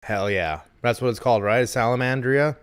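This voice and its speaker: In casual chat on the comedy podcast he co-hosts, this man in his thirties talks a little fast at a medium pitch, with crowd noise in the background. He jokes around, rambles, and swears plenty.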